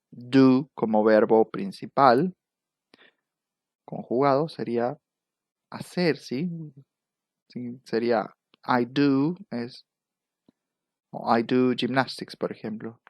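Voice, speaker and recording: A man with an Argentine Spanish accent teaching English grammar in a recorded lecture, going slowly and patiently through each verb form. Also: mid-range voice, no echo, poor audio. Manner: slow, patient, repeats verb forms one by one. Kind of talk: recorded lecture over slides.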